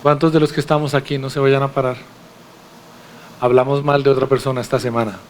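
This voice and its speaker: A man's voice: medium pitch, little pitch movement, brisk, a little hiss or hum. A man preaching a sermon to his congregation in a church, emphatic, with rhetorical questions and direct address. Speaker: pastor.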